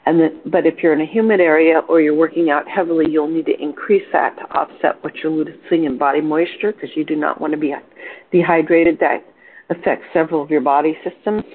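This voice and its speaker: A woman's voice: deep voice, fairly even intonation, brisk, slightly rough. An older woman hosting a wellness support call, talking in a cheerful, chatty way with fillers and self-corrections. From Portland, Oregon. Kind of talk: informal coaching talk on a conference call. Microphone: telephone. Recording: phone-line conference call.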